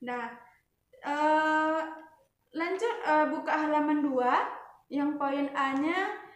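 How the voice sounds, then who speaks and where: A woman teacher giving an online lesson to children. She talks in a motherly way, with many fillers and self-corrections, and chants Quran verses slowly. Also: sits high, roomy sound. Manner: motherly, addresses the children as "Nak".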